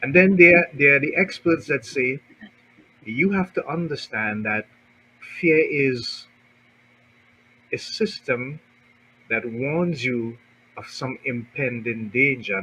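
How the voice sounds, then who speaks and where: Bright-voiced man host asking questions. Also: mid-range voice, animated, a little hiss or hum, low-quality recording. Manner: halting, repeats words while framing questions. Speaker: podcast host. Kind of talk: interview questions.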